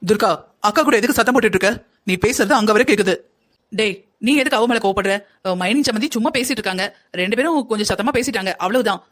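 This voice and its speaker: A woman voicing a young husband who tries to calm his wife and his older sister in a cartoon family story. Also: mid-range voice, fast talker, lightly acted. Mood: pleading, placating. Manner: soothing, pleading. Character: young husband, placating brother caught between women.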